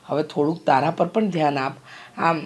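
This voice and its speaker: A woman's voice: sits low, moderate pace, a little mellow, slightly rough. A middle-aged woman playing a worried mother who scolds and fusses over her daughter in a short film drama. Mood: pleading. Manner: fretful, nagging, complaining.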